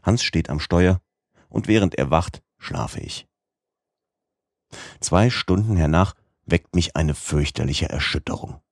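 Male audiobook narrator, low register, measured steady delivery, dry close sound. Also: husky, no room sound. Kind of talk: scripted narration of a classic novel.

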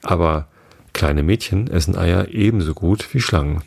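A man with a low, husky voice voicing a curious, truthful little girl in a storybook reading, with indignant, puzzled questions. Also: moderate pace, a little mellow, no echo, studio quality, exaggerated voice. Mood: firm.

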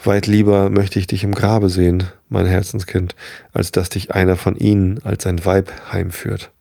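A man reading the part of a gruff, wrathful old settler farmer who speaks sternly and threateningly. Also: sits low, little pitch movement, moderate pace, warm tone, no room sound, clean studio sound. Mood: grim.

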